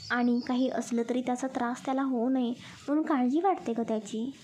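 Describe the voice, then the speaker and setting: A woman narrator voices a middle-aged mother who is anxious about her brother. She speaks in a composed, concerned tone with a high, mellow voice. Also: fairly even intonation, fairly quick, a little hiss or hum, natural voice.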